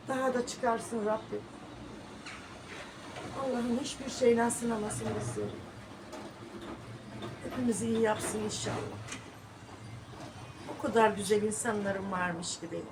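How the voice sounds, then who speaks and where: A woman's voice: on the high side, fairly even intonation, measured pace, long pauses, noisy background. A middle-aged woman vlogging at home, talking to her viewers in a sorrowful, prayerful way and sometimes calling sharply to her dog. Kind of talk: casual home vlog talk to viewers.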